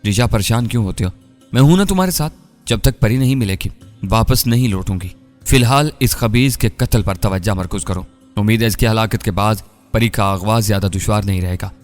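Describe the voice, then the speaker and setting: A man reading an audiobook voices a calm, teasing young woman who soothes and persuades. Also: on the low side, fairly quick, soft background music, close to an everyday voice. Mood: soothing.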